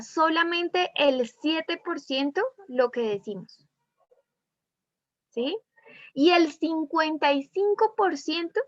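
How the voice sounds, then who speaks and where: A woman with a Colombian accent teaching a class online. Her voice sits fairly high as she keeps putting questions to her students and acts out different tones. The audio is dull, dry and lo-fi, like a video call. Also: no room sound. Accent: Colombian Spanish. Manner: asks students many questions, demonstrates tones of voice.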